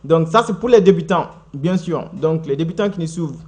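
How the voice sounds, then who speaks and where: Lively man teaching English on TV. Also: a little high, a little fast. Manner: lively, laughing, switching between French and Bambara. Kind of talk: live TV language lesson.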